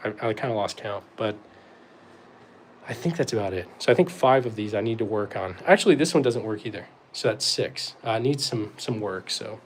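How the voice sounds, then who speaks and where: A man's voice: on the low side, normal speed, slight background noise. Young man from North Carolina, host of a laid-back live Q&A, rambly and easygoing, plenty of ums. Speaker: host answering live chat questions. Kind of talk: casual livestream Q&A.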